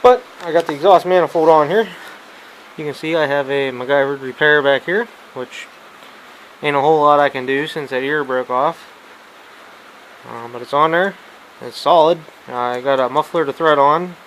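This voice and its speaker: A man's voice: a little high, steady tone, normal speed, a bit bright. A man giving casual, rambling, self-deprecating hands-on repair commentary in a folksy way, with rain on the roof. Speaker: amateur tractor restorer filming a repair vlog. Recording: noisy ambience, rain on roof. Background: rain drumming on the roof.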